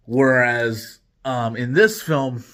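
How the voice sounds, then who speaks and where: A man's voice: medium pitch, slow pace, a bit bright. A man hosting a casual movie review vlog, rambling with lots of restarts and fillers. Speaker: host.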